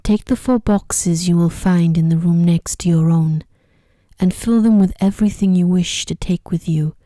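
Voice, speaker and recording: A woman voicing a sorrowful, devoted male beast in a mournful, hushed ASMR storybook reading. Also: lowish voice, moderate pace, no echo, clean studio sound, close to an everyday voice. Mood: solemn, tender.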